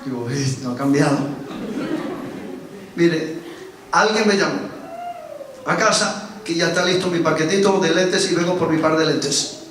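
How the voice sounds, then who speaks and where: Pastor, male, high register, sermon delivery, emphatic repetition; distant in a reverberant church hall. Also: unhurried, long pauses, a bit bright, slight background noise. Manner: preaching with an anecdote, repeating words emphatically.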